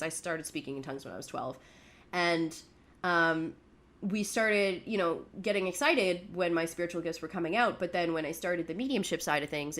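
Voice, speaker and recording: Casual personal storytelling comes from a young adult woman from Canada, a podcast co-host who's candid, chatty and quick to laugh at herself. She has a lowish voice with a fairly bright tone.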